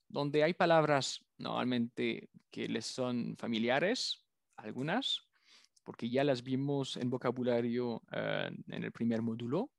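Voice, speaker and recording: A man's voice: medium pitch, gravelly, no room sound, studio quality. A man teaching a French lesson, carefully drawing out and repeating each French word for his learners. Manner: careful, drawn-out pronunciation of French words. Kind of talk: language lesson.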